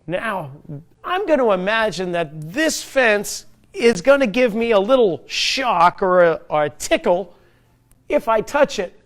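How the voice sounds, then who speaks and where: A man's voice: high-pitched, big pitch swings, a little slow, fairly bright tone. A man leading a children's P.E. class, encouraging the kids and asking them playful questions while he demonstrates each move. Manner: demonstrates while moving, narrating his own steps. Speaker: fitness trainer leading a kids' P.E. class. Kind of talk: guided children's exercise class.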